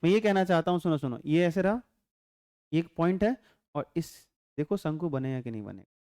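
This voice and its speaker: A man teaching a physics class with a high, clean, ringing voice. He explains unhurriedly and chats with his students, dropping joking asides and constantly asking if they follow. The sound is close and dry, with no room around it. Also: animated, a little fast, a little mellow, clear, resonant tone, no echo. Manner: chatty, joking asides, constant rhetorical check-ins. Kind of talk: classroom lecture.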